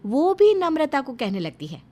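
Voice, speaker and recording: A woman giving scripted narration of a family cartoon story in a plain, even telling voice. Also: high-pitched, normal speed.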